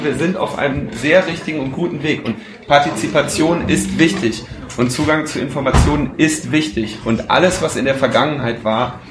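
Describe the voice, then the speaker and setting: Hesitant male speaker in an echoey hall. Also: medium pitch. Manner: hesitant, many fillers, frank. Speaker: speaker answering audience questions. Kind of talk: conference Q&A answers. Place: lecture hall. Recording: echoey hall, faint noise.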